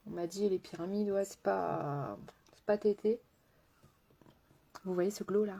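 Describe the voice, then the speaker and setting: A woman's voice: mid-range voice, measured pace, vocal fry, dark tone. Chatty French-speaking woman doing makeup live. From France. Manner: chatty, laughs often, answers viewers by name. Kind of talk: casual live-stream chat while doing makeup.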